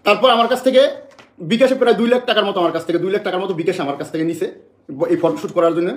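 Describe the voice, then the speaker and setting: A man's voice: sits high, racing, echoey room. A man from Bangladesh making an emotional public statement to the press, agitated and repeating phrases over and over.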